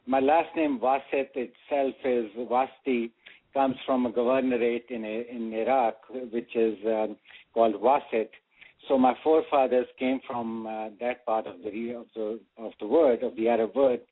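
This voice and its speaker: A man's voice: mid-range voice, fairly even intonation, moderate pace, husky. Older guy from pakistan answering radio interview questions, lots of ums, tinny phone-line audio. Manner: rambling, hesitant with many fillers. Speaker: guest.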